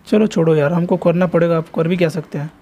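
A young man talks his way through a horror game with a fairly high voice. He is chatty and excitable, and keeps addressing his viewers as he plays. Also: fast. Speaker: gameplay streamer. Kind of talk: casual gameplay commentary.

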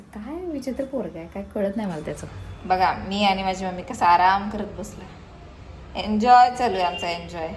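A woman's voice: on the low side, darkish tone. Young woman with a Marathi accent, home vlogger, chatty and repetitive, light background hiss. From India. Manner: chatty, repeats words, mixes in English and Hindi. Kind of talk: casual home vlog. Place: family home.

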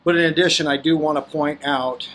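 A man narrates a relaxed boat tour, talking to his viewers as he walks from the deck into the cabin. His voice sits a bit high for a man, and the delivery stays easygoing and conversational. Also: brisk. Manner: relaxed, talks to viewers while walking around. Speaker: yacht broker giving a boat tour. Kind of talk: casual walkthrough narration. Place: on a boat, outdoors then in the cabin.

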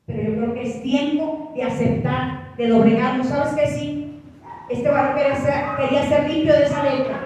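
A woman's voice: high-pitched, fairly even intonation, moderate pace, mellow. A woman pastor preaching a fervent sermon to her congregation, often calling out to them directly. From Mexico. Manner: fervent, keeps calling listeners "hermano". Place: church hall. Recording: echoey church hall, far from mic.

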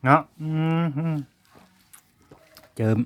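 A man's voice: very slow, a bit bright. A man with an Isan Thai accent, chatting casually to viewers as he films his family at home and keeps addressing them as brothers and sisters. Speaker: vlogger filming family life. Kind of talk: casual running commentary to viewers. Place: family home in a rural village.

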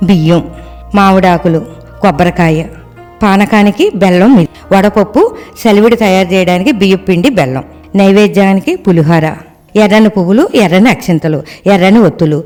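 A speaker calmly walking through a ritual, one rule and one item at a time, in a steady, even-paced teaching voice with a mid-range pitch. Soft music plays quietly underneath. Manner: calm, steady itemized listing. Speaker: devotional presenter. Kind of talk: instructional narration of a ritual. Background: faint background music.

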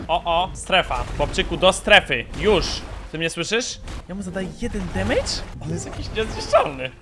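Excitable young man yelling over gameplay. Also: sits high, background noise. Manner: excitable, shouts at other players, teasing. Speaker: gaming YouTuber. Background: background music.

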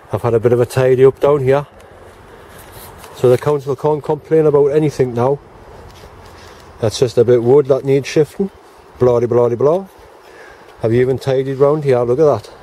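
A man's voice: mid-range voice, mellow, a little hiss or hum. Chatty man vlogging in his allotment. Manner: chatty, plain-spoken, talks to viewers as he walks round. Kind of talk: casual walk-and-talk vlog. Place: outdoor allotment garden in light rain. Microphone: handheld camera, self-filmed.

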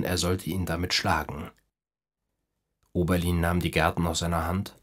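Male audiobook reader, very low voice, husky, measured literary narration. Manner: measured, even storytelling delivery.

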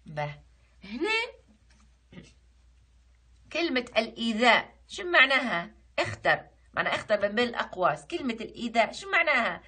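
A woman's voice: a little high, big pitch swings, a little fast, pauses often, bright, forceful tone, breathy edge. A woman teacher with a Libyan accent, reviewing a lesson online and patiently explaining. She asks questions and then answers them herself. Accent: Libyan Arabic.

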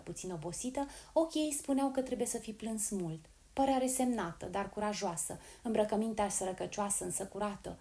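Woman audiobook reader, classic novel, steady clear narration, mellow warm tone, middle pitch. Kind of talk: reading a classic novel aloud.

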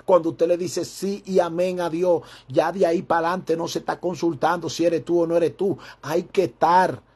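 A man preaching a sermon as pastor, fervent and emphatic, climbing into high bursts. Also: fairly even intonation, moderate pace, darkish tone, breathy edge.

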